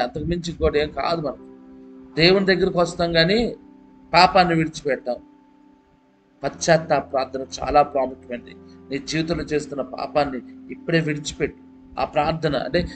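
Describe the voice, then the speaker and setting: Male pastor with a high voice, sermon delivery, alternates emphatic and hushed, quiet guitar bed. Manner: preaching, swings between loud emphatic peaks and low hushed pleading; asks the listener rhetorical questions. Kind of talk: Telugu sermon.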